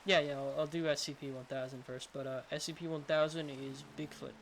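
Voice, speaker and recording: A man's voice: a little high, steady tone, fairly quick, fairly bright tone, slight background noise. A man with a lisp giving casual, rambling game showcase commentary, often hesitant and unsure of himself. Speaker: gaming video host.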